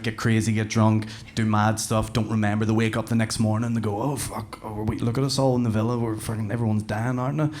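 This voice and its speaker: A Northern Irish man performing a stand-up comedy set, cheeky and sweary, jumping up loud for punchlines. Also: mid-range voice, slight background noise. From Northern Ireland. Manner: cheeky, swears freely, jumps to shouting punchlines. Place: live comedy venue with an audience.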